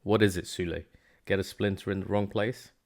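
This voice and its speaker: A man's voice: deep voice, fairly even intonation, brisk, creaky. A man voicing a blunt foreign male exile with a dry, sardonic manner. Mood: wry.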